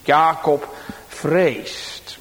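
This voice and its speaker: Pastor preaching, high voice that swings from loud cries to quiet murmurs, long church echo. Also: male voice. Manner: preaching with swings from loud high exclamation to low hushed address; slow, emphatic delivery. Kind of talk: sermon. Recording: church hall reverb.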